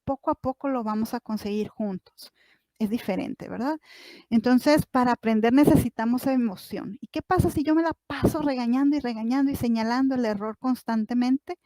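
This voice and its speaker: A woman's voice: on the high side, normal speed, warm tone, no room sound. A woman, a psychologist giving a workshop talk to parents, speaking directly to them with many rhetorical questions.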